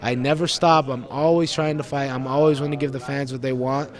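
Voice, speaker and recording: A man's voice: mid-range voice, fairly even intonation, a little fast. A young adult man from Greece, an MMA fighter giving a pre-fight interview in an earnest, rambling way, repeating words as he goes.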